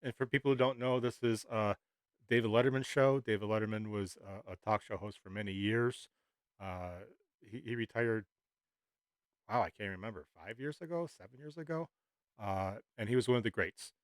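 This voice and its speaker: Reaction host: man, low voice, hesitant, dry close mic. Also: moderate pace, no room sound. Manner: hesitant, many "uh"s. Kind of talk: casual commentary.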